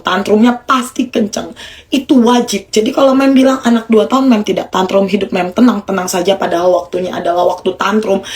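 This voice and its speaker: A woman, a child development educator, giving casual parenting advice to mothers in a lively way, dropping to a soft low voice for demonstrations.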